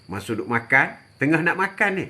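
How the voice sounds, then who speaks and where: Lively older man giving religious advice. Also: mid-range voice, a little fast. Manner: chatty, repeats phrases, frequent "ha" interjections. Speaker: religious teacher. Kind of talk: live-stream religious advice, answering viewers.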